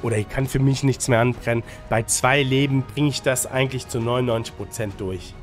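This streamer's mid-range voice holds a steady tone and moves a little fast. Nursing a slight cold, he makes gaming guides and gives casual gameplay tips in a colloquial way, full of English gaming slang and tag questions, with music underneath.

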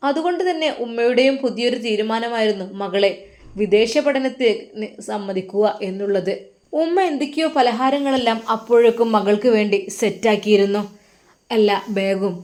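A woman narrating a family drama in an emotive, expressive storytelling manner. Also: on the high side, normal speed.

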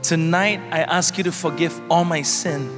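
A male pastor at a pulpit microphone, leading a prayer and preaching in short measured phrases with pauses for an interpreter. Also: a little high, fairly even intonation. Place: large church hall. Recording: long hall reverb with music behind. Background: instrumental music.

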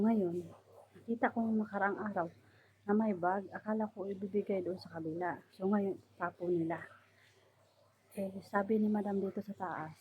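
A woman's voice: mid-range voice, slight background noise. Chatty woman vlogger, tinny phone sound. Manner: chatty, many fillers, showing items to camera. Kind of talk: casual vlog. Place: indoors, room of a household abroad.

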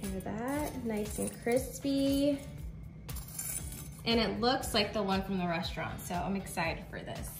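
A woman hosting a casual home cooking vlog, chatty and excited, tasting and explaining as she goes. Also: medium pitch, measured pace. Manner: excited, chatty, lots of mm sounds. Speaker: cooking channel host. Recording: roomy room with background music.

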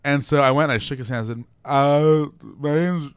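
A young man telling animated, excitable stories as a guest on a casual radio show. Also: a little high, normal speed, clean tone, no echo, studio quality. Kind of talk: casual radio interview storytelling.

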